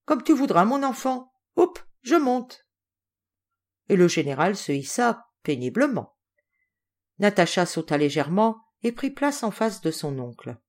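A woman narrating a classic novel as an audiobook reader, in a calm, even storytelling manner. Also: fairly low pitch. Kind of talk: scripted narration.

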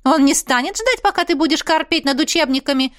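A woman doing a gushing, pushy mother. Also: brisk. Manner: excited chatter, high and sing-song. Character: vain gushing middle-aged mother, fussy and pushy. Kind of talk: audiobook character voice.

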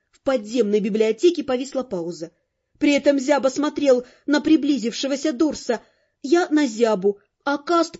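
Over faint background music, a woman with a high voice reads an audiobook in the first person, sounding lively and expressive. The recording is dull and lo-fi.

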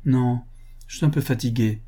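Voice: mid-range voice, normal speed, warm tone, breathy edge, close to an everyday voice. A man reading the part of a gloomy, preoccupied financier who answers curtly and wearily. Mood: weary.

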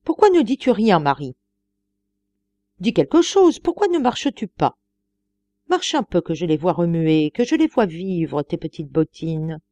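A woman voicing an elderly gentleman who is fussy, obsessive and wheedling, speaking in a coaxing, repetitive way. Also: mid-range voice, very animated, a little slow, no echo. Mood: pleading. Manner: coaxing, repetitive, rising to pleading.

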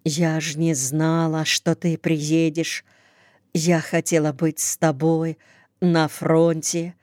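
A woman reading a tearful young girl, hushed and pleading. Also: lowish voice, little pitch movement, takes it slowly, clean tone, no echo, clean studio sound. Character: impulsive young woman volunteering for war, tearful.

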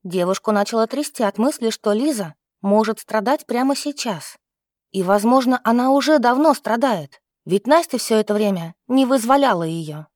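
A woman narrating a sci-fi audiobook with a steady, expressive delivery. Her voice is fairly high. The recording is dry, with no room sound. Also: normal speed, dry recording. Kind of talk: scripted narration.

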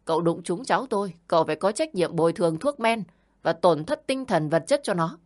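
A woman doing a shrill, scolding older aunt. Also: lively intonation, a little fast, lightly acted. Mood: demanding. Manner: yelling, berating, harsh.

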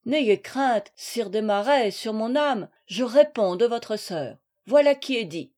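A jovial, swaggering knight speaks with hearty mock gallantry, as a woman reads him aloud. He is bold and easygoing, in a storybook voice that sits a touch high. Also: animated, takes it slowly, darkish tone.

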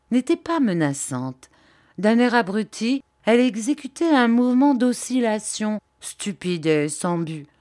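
A woman reading a fantasy novel aloud as an audiobook, in a measured, expressive narration. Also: medium pitch, no room sound, clean studio sound. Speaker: audiobook reader.

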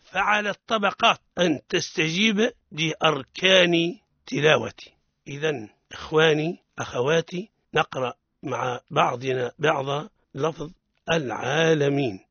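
A man's voice: a little high, normal speed, sharp tone, dry recording. Male radio teacher of recitation, corrects errors and demonstrates; muffled broadcast quality. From Tunisia. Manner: explains pronunciation errors, then models the correct form. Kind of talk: radio tajweed lesson. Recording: dull lo-fi radio sound.

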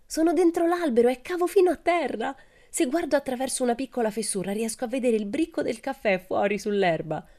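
A woman's voice: mid-range voice, animated, a little fast, hardly any pauses, mellow, pitched above the performer's own voice, lightly acted. A woman voicing a wild, cheerful, boastful girl in a storybook reading, brash and theatrical. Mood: playful boasting.

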